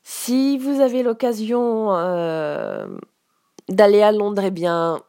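A woman teaching in a relaxed, unhurried way, pausing often to find her words. Her voice sits at an ordinary middle pitch. The sound is dry and close, with no room echo. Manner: explains slowly with many hesitations. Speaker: English teacher. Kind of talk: casual spoken lesson.

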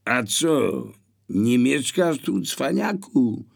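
A man voicing a rough, bullying male burglar who talks in a brash, mocking and threatening way. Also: medium pitch, big pitch swings, drawn-out words, pitched above the performer's own voice, exaggerated voice.

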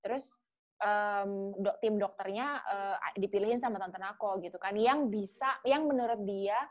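A woman's voice: medium pitch, normal speed. A woman guest on a podcast, telling a personal story in casual chat and acting out the quoted dialogue. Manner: animated, acts out quoted dialogue. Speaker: podcast guest, cancer activist. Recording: dull lo-fi recording.

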